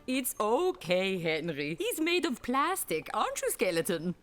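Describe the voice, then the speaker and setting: A woman's voice: mid-range voice, wildly swooping pitch, unhurried, a bit bright. A motherly talking microscope. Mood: instructive. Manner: motherly, instructive. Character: caring, wise female microscope scientist. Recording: music playing behind.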